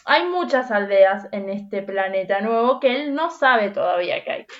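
A woman with a Rioplatense Spanish accent, co-hosting a podcast in casual chat. She tells stories in a blunt, slangy, animated way. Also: medium pitch, normal speed, lo-fi sound. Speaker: podcast co-host.

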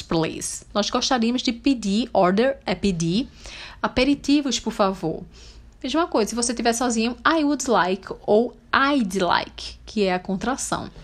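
A woman with a Brazilian Portuguese accent teaching English phrases, repeating each model sentence slowly and clearly. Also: mid-range voice.

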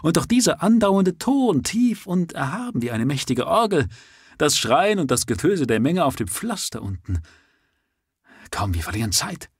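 A man's voice: mid-range voice, wildly swooping pitch, takes it slowly, slightly rough, no echo, clean studio sound, pitched above the performer's own voice, full character voice. A man voicing a frenzied male writer who bursts into wild, exultant exclamations. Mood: exalted. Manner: wild exclamations, rising to shouts.

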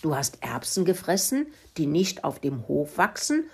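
Woman voicing a wise stern tomcat, lecturing, lively melody, storybook. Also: low voice, a little slow, slightly rough, exaggerated voice.

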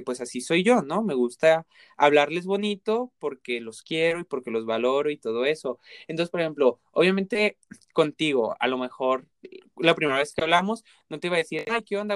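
A man with a Mexican accent talks in an earnest, explanatory way, piling up examples as he goes. His voice sits a little high and comes across smooth and resonant. The recording is close and dry. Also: no echo. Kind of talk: casual chat.

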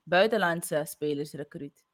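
A woman from the Netherlands hosting a casual interview, reading out viewer questions with relaxed fillers. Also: sits low, a little slow, a crowd in the background. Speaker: interviewer, host.

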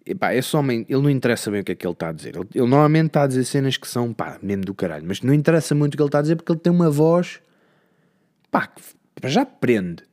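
A man's voice: mid-range voice, very animated, rapid-fire, a little mellow. Rambling European Portuguese man, solo podcaster. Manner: rambling, slangy, self-deprecating. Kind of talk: casual chat.

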